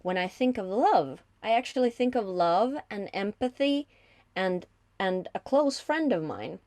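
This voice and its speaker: A woman who works as a voice-over artist and coach, talking in a warm, reflective way in casual conversation. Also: mid-range voice, expressive, measured pace, no echo. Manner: warm, reflective, laughs easily.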